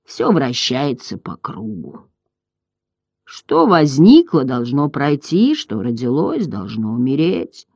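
A reader voicing an ancient giant female turtle, hoarse and gurgling, who drawls slowly and sinks into whispers. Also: medium pitch, wildly swooping pitch, darkish tone, dry recording, lo-fi sound, heavily acted. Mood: weary, indifferent. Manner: slow, drawling, fading to whispers. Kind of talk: audiobook character voice.

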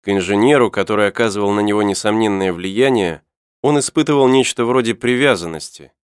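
A man narrating an adventure novel as an audiobook in an even, clear storytelling manner. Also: fairly low pitch, brisk, dry recording, clean studio sound.

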